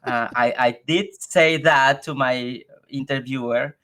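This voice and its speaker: Man, halting casual guest. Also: mid-range voice, steady tone, a bit bright. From Mexico. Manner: halting, repeats words, laughs easily. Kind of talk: casual interview chat.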